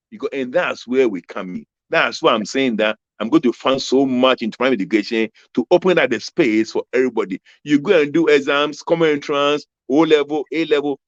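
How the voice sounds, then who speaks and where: A man's voice: mid-range voice, dry recording. A man in his fifties with a Ghanaian accent, a political candidate answering interview questions over a video call that keeps freezing. He talks emphatically and repeats his key phrases. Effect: video call audio that keeps freezing and cutting out. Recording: dull, dry video call audio.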